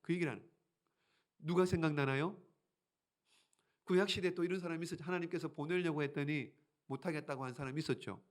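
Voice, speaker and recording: High-voiced preaching pastor. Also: male voice, fast, pauses often. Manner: emphatic, frequent rhetorical questions. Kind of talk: sermon.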